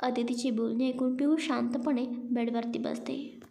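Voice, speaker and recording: A woman narrating a romance story in a steady, expressive reading voice. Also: high voice, measured pace, vocal fry.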